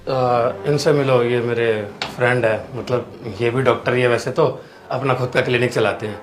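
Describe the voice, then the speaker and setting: A man playing a worried son and husband who keeps apologising and trying to calm others down. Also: mid-range voice, normal speed, soft background music, close to an everyday voice. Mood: plain. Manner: apologetic, placating. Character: worried grown son and husband, eager to please. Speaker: actor in a web drama. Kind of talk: dramatic dialogue.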